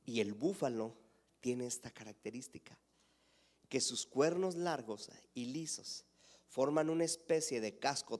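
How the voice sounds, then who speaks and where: A male pastor with a medium-pitched voice preaches a sermon, putting questions to the congregation. He swings between emphatic raised lines and hushed near-whispers.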